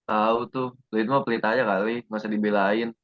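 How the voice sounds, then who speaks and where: A young man plays a blunt, prejudiced student in a school skit. He talks fast and slangy, and the sound is dry and slightly muffled. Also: on the low side, fairly even intonation, no echo, close to an everyday voice.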